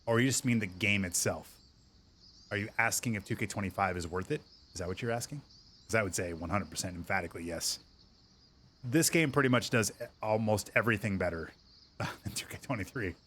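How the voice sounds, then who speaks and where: A man streaming a golf video game, chatting casually, answering viewer chat and getting excited over good shots. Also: on the low side, brisk, slight background noise. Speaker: gaming streamer. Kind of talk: casual livestream game commentary.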